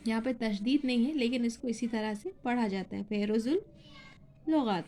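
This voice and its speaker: A woman's voice: fairly high pitch, warm tone, slight background noise. Woman teacher spelling out letters. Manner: spells out letters slowly, asks and answers her own questions. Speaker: school teacher. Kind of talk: classroom lesson.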